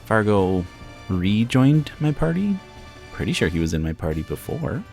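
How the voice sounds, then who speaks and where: A man's voice: on the low side, big pitch swings, normal speed, vocal fry, darkish tone, soft background music. A man giving casual gameplay commentary as the host of a let's play. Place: indoors, game music behind the voice.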